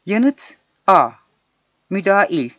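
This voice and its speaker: A man reading quiz questions and their solutions aloud in a measured, deliberate way. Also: high voice, very animated, a bit bright, no room sound. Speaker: exam prep narrator. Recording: dull lo-fi dry recording.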